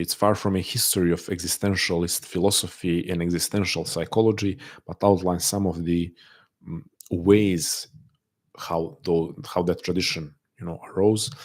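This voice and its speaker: Speaking English as a non-native, this man has an accent many listeners hear as Russian. His very low voice stays fairly level in pitch while he answers a livestream chat softly and hesitantly at a desk mic, often restarting sentences.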